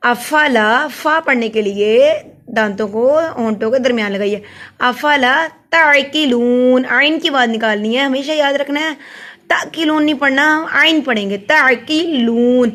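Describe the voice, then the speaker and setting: A woman with a bright, high voice guides learners through recitation. She speaks patiently and step by step, sounding out each letter before she explains the rule behind it. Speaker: Quran recitation teacher. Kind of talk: tajweed lesson, slow recitation then explanation.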